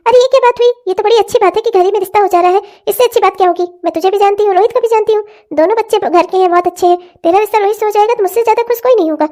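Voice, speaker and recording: A woman's voice: very high-pitched, rapid-fire, hardly any pauses, warm tone, pitched above the performer's own voice. A woman voicing a doting, fretful older mother-in-law in a cartoon family drama, coaxing and chiding. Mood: soothing.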